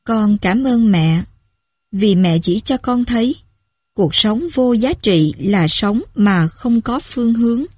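A woman narrating stories in a calm, measured reading voice. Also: a little high, slightly rough, dry recording, clean studio sound. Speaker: story reader. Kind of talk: storytelling narration.

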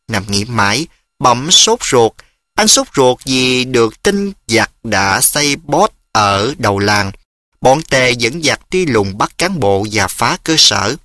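A man reading a story aloud in a scripted, expressive narration, lifting his pitch on emotional phrases. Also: no room sound.

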